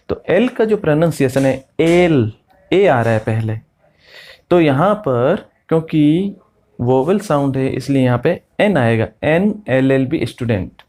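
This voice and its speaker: A man's voice: medium pitch, a little mellow. A man teaching English grammar as a classroom lecture, repeating each example as he explains.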